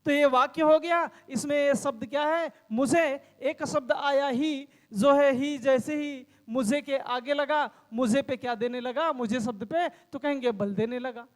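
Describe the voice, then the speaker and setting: A man's voice: very high voice, a little slow, few pauses, long reverb tail. A man teaching grammar in a classroom lecture, explaining step by step and asking and answering his own questions.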